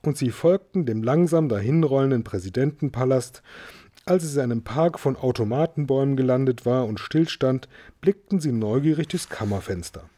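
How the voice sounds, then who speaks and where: Mellow man reading a storybook. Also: medium pitch, moderate pace. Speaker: audiobook reader.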